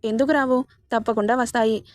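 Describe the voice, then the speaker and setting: A woman voicing a warm-hearted middle-aged mother-in-law who coaxes and reassures the young bride in a storybook reading. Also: fairly high pitch, steady tone, brisk, no echo, studio quality, lightly acted. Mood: coaxing. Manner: coaxing and reassuring.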